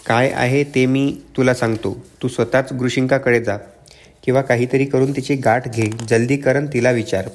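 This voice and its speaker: A man's voice: medium pitch, fairly even intonation, normal speed, close to an everyday voice. A man voicing an old father who is fearful, sly and pleading, in an audiobook reading. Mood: anxious pleading. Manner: pleading, repetitive.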